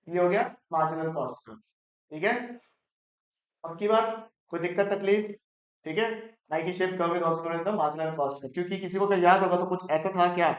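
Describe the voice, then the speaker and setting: A muffled recording captures a male economics teacher with a high, steady voice lecturing amid roomy classroom echo. Playful and teasing, he quizzes students with quick questions, mixing Hindi and English.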